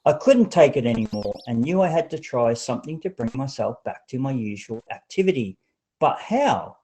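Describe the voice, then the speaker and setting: A man narrates an audiobook story in a deliberate, expressive storybook style. His voice is mid-range, and the recording is rough.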